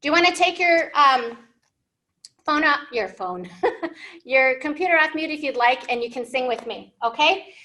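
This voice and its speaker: An American woman in her thirties, whose voice sits high with lively intonation, a moderate pace, and a bright, forceful tone, hosts storytime in an indoor library room. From her seat at the whiteboard, she guides young English learners with simple, encouraging questions in a teacherly manner.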